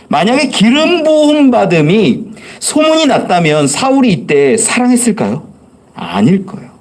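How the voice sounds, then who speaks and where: A male pastor delivering a midweek sermon in a lively, sing-song way, his pitch leaping up and down as he explains the text. His voice sits somewhat high for a man, and he keeps turning to the congregation with questions. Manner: animated preaching, asks the congregation questions and acts out quotes. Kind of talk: sermon at a Wednesday church service.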